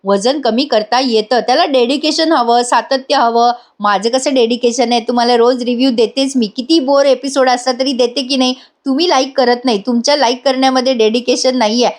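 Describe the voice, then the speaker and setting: Chatty lady doing a serial episode review, talks straight to viewers, fairly high voice. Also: steady tone, brisk, hardly any pauses. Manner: chatty, addresses viewers directly, teasing.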